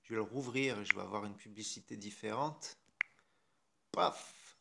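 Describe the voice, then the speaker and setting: Talking a little fast in a lowish, creaky voice, this tech host with a French accent walks through a phone tutorial on a casual screen recording. He's irreverent and talkative with some mild swearing, and the audio is very noisy.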